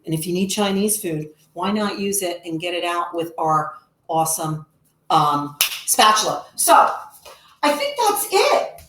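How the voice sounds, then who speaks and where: A woman's voice: mid-range voice, a bit bright, a little hiss or hum. A woman hosting a casual live-stream, demonstrating grill products in chatty, upbeat sales talk. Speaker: host demonstrating promotional products. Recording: echoey room.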